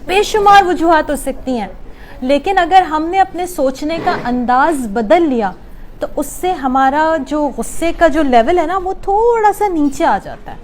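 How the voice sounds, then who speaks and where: A woman psychologist leads a workshop in a club hall, speaking in a fairly high voice. She explains things patiently and takes questions from the audience, mixing English words into her talk. A faint room ambience sits behind her. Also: a little mellow, a little hiss or hum. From Pakistan.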